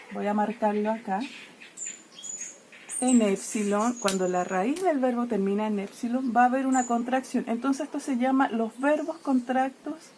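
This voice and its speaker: A woman teacher explaining grammar to her students, checking in constantly with a quick "¿ya?" and playfully treating letters as if they fight and die. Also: on the high side, darkish tone, slight background noise. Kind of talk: explaining Greek grammar lesson.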